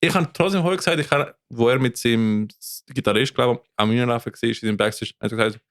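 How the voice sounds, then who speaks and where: A man's voice: mid-range voice, fast talker, fairly bright tone, no room sound. A man with a Swiss German accent, a band guitarist co-hosting a podcast and telling rambling stories full of fillers and restarts. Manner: rambling storyteller, many fillers and restarts, laughs often. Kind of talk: casual podcast chat.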